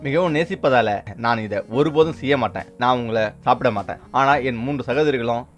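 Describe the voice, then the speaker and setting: A man's voice: mid-range voice, fairly quick. Man telling a story over faint music. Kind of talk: scripted storytelling narration.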